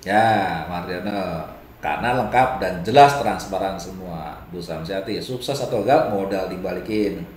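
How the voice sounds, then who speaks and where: A man coaching a live online audience, reading out their comments, laughing often and mimicking other people in a higher voice. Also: a little slow, darkish tone, slight background noise. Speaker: business coach. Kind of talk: live-stream talk answering viewer comments. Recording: roomy echo.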